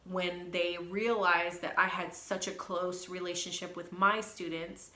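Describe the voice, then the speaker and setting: A woman's voice: on the low side, level tone, unhurried, pushed and bright, echoey room. A young woman, a hairstylist, talking frankly and emotionally about her past failures in a candid vlog. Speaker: beauty vlogger and hairstylist.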